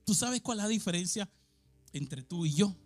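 A man from Venezuela preaching a sermon in a church, moving between quiet, confiding passages and shouted, fervent exhortation. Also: expressive, moderate pace, faint music behind. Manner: impassioned, swings from low confiding to shouted exhortation.

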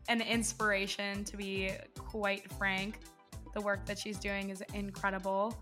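Female interview host, bright, forceful voice at medium pitch, informal delivery with music behind. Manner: informal, complimentary. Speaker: podcast host. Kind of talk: casual interview hosting.

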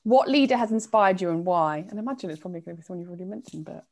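A woman's voice: on the low side, expressive, racing, darkish tone. A woman hosting a podcast interview, enthusiastic and affirming toward her guest. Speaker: podcast host.

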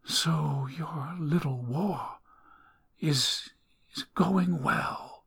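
A man voicing a dying old woman in a hoarse, mocking, breathy whisper. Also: fairly high pitch, extremely slow, fairly bright tone, voice pushed up, exaggerated voice.

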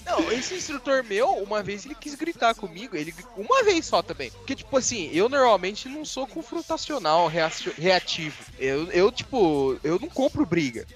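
A young man chatting casually, telling slangy, animated stories. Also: high voice, moderate pace, few pauses, music in the background. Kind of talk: casual chat.

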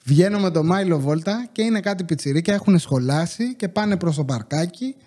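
A man, hosting a podcast and telling stories in a casual, animated way. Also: high voice. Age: 30s. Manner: animated storytelling with acted-out quotes. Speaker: podcast host. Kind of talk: casual chat.

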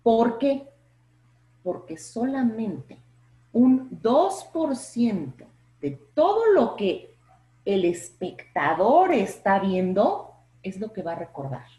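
A Mexican woman professor talks about public speaking at an unhurried pace. Her pitch rises and falls widely as she makes her points and poses rhetorical questions. The recording carries a noticeable room echo. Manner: expressive, plays up intonation, asks rhetorical questions. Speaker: professor, podcast guest. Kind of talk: explanatory talk on public speaking.

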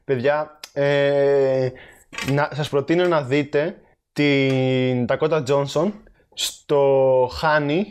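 A man's voice: mid-range voice, little pitch movement, darkish tone, smooth. A man co-hosting a casual film podcast, playful and laughing often, rambling with fillers. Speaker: podcast co-host. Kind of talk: casual chat about films.

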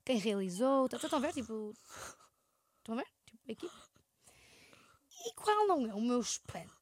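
A young woman with a European Portuguese accent, her voice sitting high and bright in pitch. She chats casually as a podcast co-host and tells stories with a lot of animation. The sound is dry and close to the mic. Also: moderate pace, no echo. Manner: animated storyteller, acts out friends' lines. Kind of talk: casual chat.

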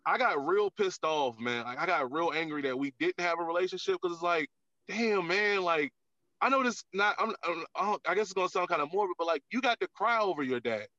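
A man's voice: high-pitched, animated, fairly quick, sharp tone, dry recording. A man, a comedian guest on a podcast, talking candidly in casual chat with lots of filler words. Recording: dull, lo-fi, dry sound.

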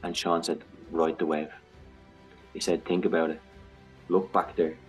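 A man's voice: a bass voice, level tone, a little slow, soft background music, poor audio. A man in his thirties telling his recovery story in a candid, frank conversation, swearing freely. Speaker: guest sharing recovery story.

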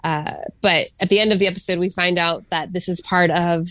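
A woman's voice: lowish voice, fairly even intonation, fairly quick, pushed and bright, dry recording. A woman co-hosting a podcast in casual chat, talking loosely with lots of fillers and frequent laughs. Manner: chatty, laughs often, many fillers. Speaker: podcast co-host.

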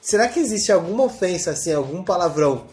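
A man's voice: high voice, animated, fast, echoey room, over loud music. A young man from Brazil co-hosting a podcast, chatting casually and telling stories with slangy banter and frequent laughter. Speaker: podcast co-host. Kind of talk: casual chat.

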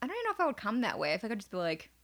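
A woman's voice: on the high side, wildly swooping pitch, rapid-fire, a bit bright. A young woman hosting a podcast, chatting casually and candidly while tipsy, with bubbly bursts of laughter. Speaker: podcast host. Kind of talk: casual chat.

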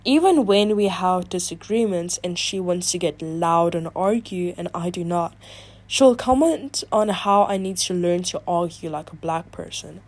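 Chatty woman reading confessions aloud. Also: on the low side. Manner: chatty, filler-heavy talk with frequent "like"; animated, reactive asides between read passages. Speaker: video creator.

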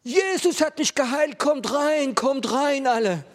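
A man putting on a shrill, crying innkeeper woman. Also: expressive, unhurried. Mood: jubilant shouting. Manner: high-pitched, loud, exclaiming. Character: distraught, tearful woman innkeeper.

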